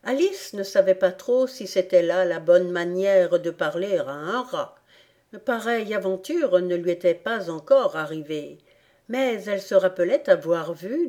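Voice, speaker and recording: A woman narrating an audiobook of a classic tale in a calm, measured way. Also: on the low side. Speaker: audiobook reader.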